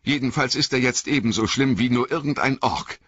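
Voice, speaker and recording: A man's voice: mid-range voice, a little fast, fairly bright tone, slightly rough, no echo, voice pushed up. A man voicing a frightened young male hobbit who talks in a pleading, agitated, raised voice, in an audiobook reading. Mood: indignant. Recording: dull lo-fi audiobook recording.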